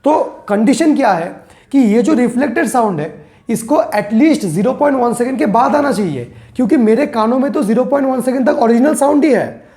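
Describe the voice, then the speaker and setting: A man teaching a physics lesson, slowly repeating key phrases as if for dictation and mixing English terms into his explanations. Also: very high-pitched, lively intonation, warm tone. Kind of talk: classroom lesson.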